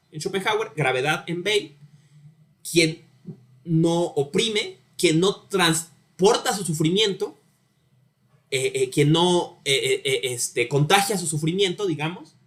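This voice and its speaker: Mexican male lecturer, higher-pitched, chatty, keeps checking in with the class. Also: fairly bright tone. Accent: Mexican Spanish. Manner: conversational, frequent tag questions, stumbling repetitions. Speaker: university philosophy lecturer. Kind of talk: informal lecture.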